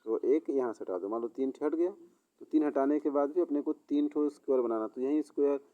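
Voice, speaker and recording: A man teaching a school English lesson, explaining words in Hindi and reading English sentences haltingly. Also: on the high side. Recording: dull lo-fi sound.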